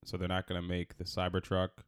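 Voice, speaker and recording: A man co-hosting a podcast in casual chat, animated and quick to laugh, pitch jumping up when he gets excited. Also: clean tone. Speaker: podcast co-host. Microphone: headphones and studio mic.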